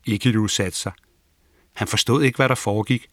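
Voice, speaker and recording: A man with a fairly low voice reads a children's story aloud. He tells it calmly and evenly, lifting his pitch for the characters' lines. The recording is dry and close, with no room sound. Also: no echo. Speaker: audiobook narrator. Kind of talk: scripted storybook narration.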